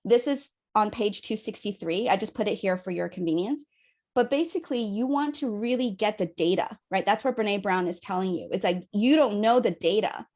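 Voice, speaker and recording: A young adult woman leading a communication workshop, talking in an animated, chatty way and acting out quotes. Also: mid-range voice, moderate pace. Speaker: workshop facilitator.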